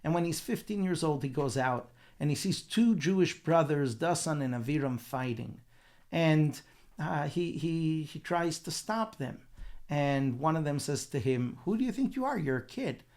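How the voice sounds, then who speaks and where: A man, a rabbi, giving a weekly Torah portion talk and retelling the story in a lively way, acting out the quotes. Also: on the high side, unhurried. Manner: animated storytelling with acted quotes.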